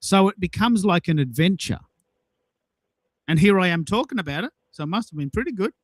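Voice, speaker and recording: Sitting high and expressive, this man's brisk voice carries with no echo as he hosts a casual audio chat. He recounts personal anecdotes with emphasis and repetition for effect.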